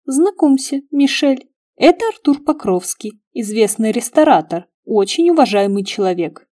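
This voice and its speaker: A woman reading the lines of a nosy, teasing male friend in an audiobook, voiced lightly with a lifted, lively tone. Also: a little high, moderate pace, no room sound, studio quality, voice pushed up. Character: chatty nosy young man, teasing friend.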